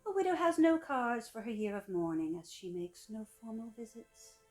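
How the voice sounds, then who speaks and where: Female narrator, sultry and mellow, scripted book reading, soft phrase endings. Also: a little high, big pitch swings, soft background music. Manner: sultry, slow-savoring delivery with soft trailing phrase ends. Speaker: reader of a public-domain etiquette book.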